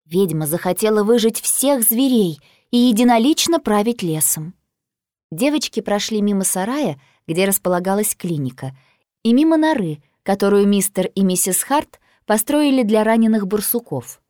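A woman narrating a children's storybook in a lively, expressive reading. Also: mid-range voice, moderate pace, no room sound, clean studio sound. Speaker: audiobook narrator.

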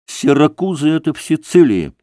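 A man's voice: fairly high pitch, very animated, fairly quick, mellow, no echo, clean studio sound, voice pushed up. A man voicing Kolya, a defiant youth who cuts in bluntly. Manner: blunt, cutting. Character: sharp, defiant boy-like young man Kolya.

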